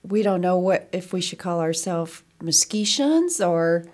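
A woman's voice: fairly low pitch, lively intonation, unhurried, a little mellow. A woman asking questions and chatting in a conversational interview.

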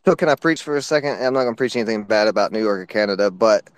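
Dude giving laid-back advice in a chat, dry close mic. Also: male voice, lowish voice, expressive, rapid-fire, no echo. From East Tennessee. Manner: laid-back, preachy at times. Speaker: guest. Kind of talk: casual chat.

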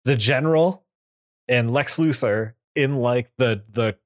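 A man's voice: mid-range voice, measured pace. A man co-hosting a podcast, casually recapping a comic book, laughing often and acting out the characters' lines. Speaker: podcast co-host.

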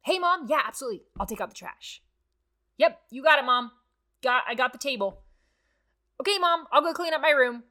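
A woman's voice: high voice, lively intonation, a little fast, pauses often, pushed and bright. Woman doing an eager, chipper kid. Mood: cheerful. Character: cheerful obedient child answering mom.

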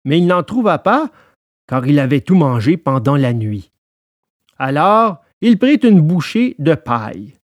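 A man narrating a storybook in an expressive, lively way. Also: fairly high pitch, a little slow, no room sound, clean studio sound.

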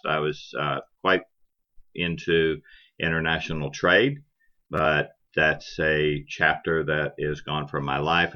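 A middle-aged or older man from Florida, a cattle rancher, explaining things conversationally in a plain-spoken, measured interview style. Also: rumbling low. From Florida, United States. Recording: dull lo-fi podcast audio.

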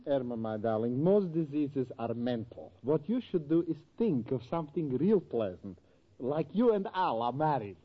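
An actor playing a flamboyant, wisecracking European professor, effusive and teasing, in a 1940s radio sitcom. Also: male voice, mid-range voice, sing-song, normal speed. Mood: affectionately teasing. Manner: theatrical, effusive. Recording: dull 1940s radio recording.

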